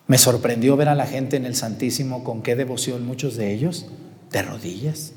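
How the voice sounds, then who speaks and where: Mexican priest preaching in a reverberant church. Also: male voice, medium pitch, moderate pace. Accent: Mexican Spanish. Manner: animated, asks the congregation questions, drops to a hush for emphasis. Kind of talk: sermon. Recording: long hall reverb in a church.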